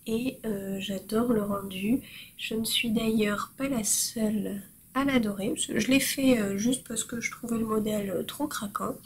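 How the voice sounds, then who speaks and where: A woman with a somewhat high voice talks slowly through her crafts, pausing often on fillers. She sounds cheerful and pokes fun at herself. Faint room noise sits under her voice. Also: low-quality recording. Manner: hesitant, with frequent fillers; cheerful and self-mocking. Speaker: host of a crafting podcast. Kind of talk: casual show-and-tell chat.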